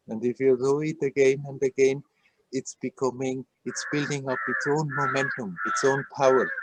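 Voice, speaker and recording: A man giving a spiritual satsang talk on a video call, gentle and laughing often as he speaks. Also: mid-range voice, no room sound, poor audio. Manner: gentle, laughs often, repeats words playfully. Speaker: spiritual teacher.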